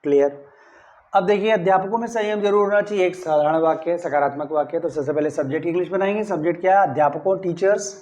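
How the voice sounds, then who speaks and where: A male grammar teacher with a high, slightly mellow voice talks fast through a classroom-style lesson. He explains step by step, frequently asks "clear?", and stresses key words in his model sentences.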